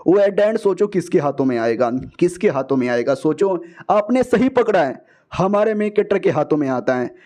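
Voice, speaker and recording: A man casually retelling a comic story in a jokey, slangy way, switching quickly between the characters' lines. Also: high-pitched, lively intonation, mellow. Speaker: manhua recap narrator.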